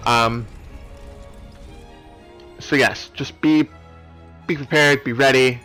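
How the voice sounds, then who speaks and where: With cutscene music from the game playing behind him, a man gives loose let's play commentary, hesitant and apologetic. His voice sits at medium pitch with fairly even intonation, moving slowly with a sharp tone.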